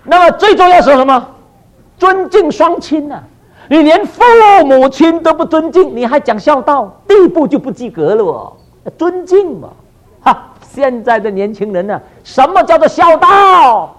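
High-voiced animated male preacher. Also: moderate pace. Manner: animated, full of rhetorical questions to the listeners; drops in short English phrases. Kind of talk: sermon to a congregation.

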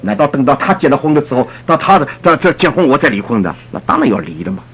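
Animated husky middle-aged man preaching. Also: a little high, fast talker. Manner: animated storytelling, acts out the people he quotes. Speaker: church elder giving a talk. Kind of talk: storytelling sermon.

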